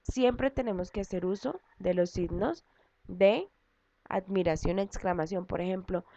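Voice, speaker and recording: A woman's voice: medium pitch, a little slow. A woman teacher giving a recorded lesson, explaining step by step and repeating each point patiently. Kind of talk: recorded class lesson for students. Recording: dull lo-fi audio with loud background noise and clicks.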